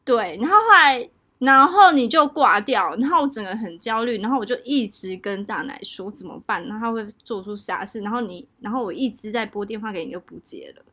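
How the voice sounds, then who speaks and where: 给我一个说话夸张、音调很高的台湾腔女生. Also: female voice, fairly high pitch, brisk. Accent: Taiwanese Mandarin. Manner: animated, exaggerated storytelling with frequent laughter. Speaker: podcast co-host. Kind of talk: casual chat. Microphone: home test recording.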